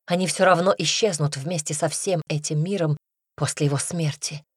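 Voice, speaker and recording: A woman's voice: low voice, moderate pace, slightly rough, no room sound, clean studio sound. A woman narrator voicing a weary, grave mother explaining bad news in an audiobook. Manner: grave, sad.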